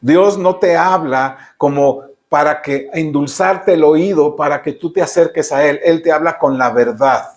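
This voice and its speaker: A male pastor with a Mexican Spanish accent preaching a sermon in a notably high voice. He is emphatic and direct, and he keeps turning to the congregation with rhetorical questions. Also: a little slow, few pauses, darkish tone.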